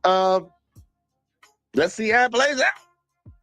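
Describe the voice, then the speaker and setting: A man streaming his reaction to a police video, talking in blunt, animated casual commentary and repeating points for emphasis. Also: sits high, slow pace, no room sound, soft background music.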